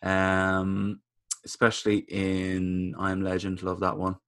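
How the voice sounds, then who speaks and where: A man's voice: low-pitched, completely flat delivery, takes it slowly, a bit bright, dry recording, studio quality. A man co-hosting a podcast, chatting casually and rambling with opinions and fillers. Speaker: podcast co-host. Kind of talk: casual chat.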